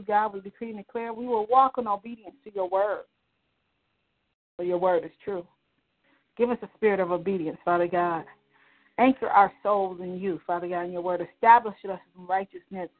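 A woman leading a congregational prayer, speaking in fervent, rhythmic repeated declarations. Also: mid-range voice. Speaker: prayer leader. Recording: tinny phone-line sound.

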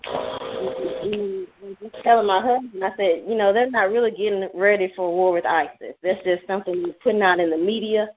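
A woman caller explains her point at a steady pace and a middle pitch. Her voice comes through a thin phone line. A faint hiss sits underneath. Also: normal speed. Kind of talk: casual phone discussion.

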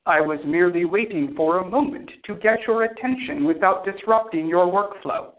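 Homem fazendo uma IA fria e formal. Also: male voice, sits high, normal speed, close to an everyday voice. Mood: cold. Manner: precise, emotionless, clipped. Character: cold formal male artificial intelligence. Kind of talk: audio drama acting. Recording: tinny phone-like sound.

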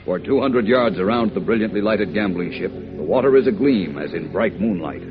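A man's voice: on the low side, lively intonation, normal speed. Old radio announcer, a man over organ music. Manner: theatrical, suspenseful build-up. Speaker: announcer and narrator of a radio serial. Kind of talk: old radio announcer, 1940s dramatic radio narration. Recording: vintage radio broadcast, dull band, organ music.

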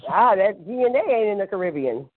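A woman speaks over a thin, tinny phone line that cuts away the lows and highs. She talks at an ordinary pitch in a blunt, emphatic way. She repeats points for weight and drops in the odd curse. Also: animated, brisk. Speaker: podcast caller discussing history. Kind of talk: casual phone-call chat.

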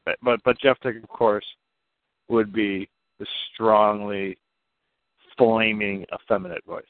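A man's voice: lowish voice, takes it slowly, creaky, no room sound. A man co-hosting a radio show with casual, teasing banter, repeating phrases for emphasis. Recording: narrow phone-like sound.

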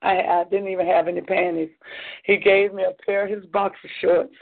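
A woman's voice: mid-range voice, level tone, brisk, vocal fry. A woman giving an earnest personal testimony as a guest on a call-in show, often repeating her phrases. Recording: phone line.

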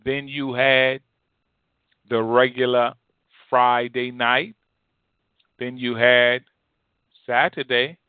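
A man preaching a Bible teaching sermon as an apostle, exhorting listeners directly in deliberate, halting phrases with emphatic repetition. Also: medium pitch, level tone, smooth, dry recording. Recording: thin phone-like band-limited audio.

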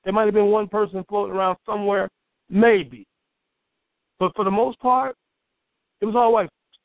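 This interview guest from Chicago is loud and blunt, his voice pitched a little high for a man, and he repeats words when he gets going. His intonation stays fairly even at a moderate pace. The sound is dry and tinny, phone-like, without room sound.

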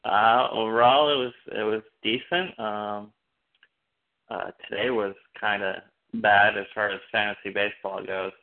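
Gravelly, low-voiced man chatting sports. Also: steady tone, unhurried, phone-quality sound. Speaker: sports podcast co-host. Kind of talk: casual sports chat.

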